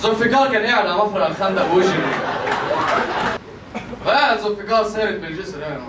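A man's voice: high-pitched, rapid-fire, over a noisy crowd, natural voice. A man with a Lebanese Arabic accent playing a baffled, irreverent street guy in comic storytelling, on a noisy, distant recording. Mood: amused, baffled. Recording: noisy, echoey, distant microphone.

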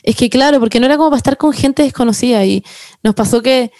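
A young Chilean woman who talks very fast, rattling through a story in loose, slangy chat. Her voice sits a little high, and it sounds dry and close, with no room echo. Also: darkish tone. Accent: Chilean Spanish. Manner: rapid storytelling, slangy, mixes in English. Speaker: podcast host. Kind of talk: casual chat.

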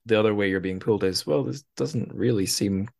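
Hosting a casual book-talk podcast, a man with a low, gravelly, darkish voice speaks briskly about fiction. He gropes for words as he retells the story with some animation.

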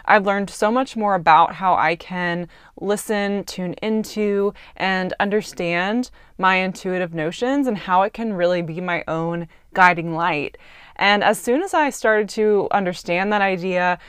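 A woman in her twenties hosts her own podcast, delivering a casual, reflective monologue in an earnest, chatty way and thinking aloud with little fillers. Her voice is lowish and smooth, recorded at studio quality with no echo.

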